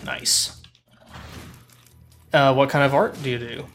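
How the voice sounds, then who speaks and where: A man's voice: medium pitch, fairly even intonation, slow, a bit bright. Joking male game streamer. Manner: joking, teasing interviewer. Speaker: stream host. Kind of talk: casual chat while streaming a game.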